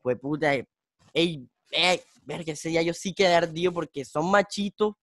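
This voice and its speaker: A young man, telling a street story on a casual podcast in slangy, animated talk. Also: a little high, measured pace, no room sound, studio quality. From Colombia. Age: young adult. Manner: slangy, animated, acts out voices in his stories. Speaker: podcast host.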